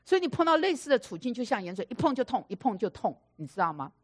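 A woman's voice: fairly high pitch, quick pace, slightly rough. A woman preaching a sermon through stories, repeating phrases for emphasis and acting out the dialogue. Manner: animated storyteller, acting out quoted dialogue. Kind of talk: storytelling sermon.

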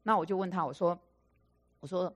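Woman preacher, somewhat low voice, animated storytelling delivery with emphatic repetition. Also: brisk. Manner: animated storyteller, acting out quoted dialogue; repeats phrases for emphasis. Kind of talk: storytelling sermon.

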